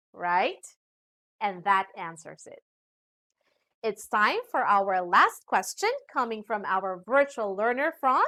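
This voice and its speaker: Lively woman teacher. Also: a little high. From Philippines. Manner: upbeat, with emphatic sing-song stress on key words. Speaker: English teacher. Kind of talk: scripted virtual lesson.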